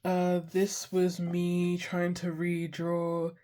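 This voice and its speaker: Very slow and monotone, this warm, medium-pitched voice is congested and comes with a little hiss or hum. It belongs to an art vlogger in their twenties who rambles through a sketchbook tour, swearing freely, putting themselves down, and losing track mid-sentence.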